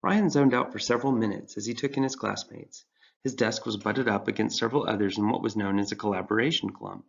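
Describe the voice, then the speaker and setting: A man reads a story aloud in a dry, wry way. His voice sits low with a gravelly edge, and the recording sounds dull and lo-fi, as if from a home setup. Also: fast. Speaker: narrator. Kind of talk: scripted storybook narration.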